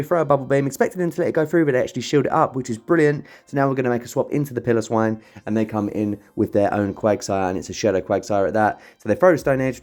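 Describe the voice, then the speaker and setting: A man's voice: mid-range voice, darkish tone. A young man commentating on his own gameplay, explaining moves and ranting when the game annoys him. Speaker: gaming commentator.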